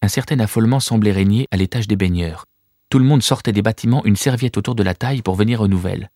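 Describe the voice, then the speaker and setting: A man narrating an audiobook in a measured, vivid storytelling manner. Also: lowish voice, dark tone, no room sound, studio quality.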